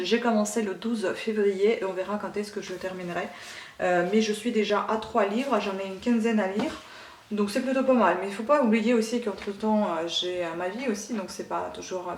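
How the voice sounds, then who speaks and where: A woman's voice: mid-range voice, a little fast, slight background noise. Woman, casual book vlog, rambling and hesitant, echoey room, distant mic. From Ukraine. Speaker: book vlogger. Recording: roomy room, voice set back from mic.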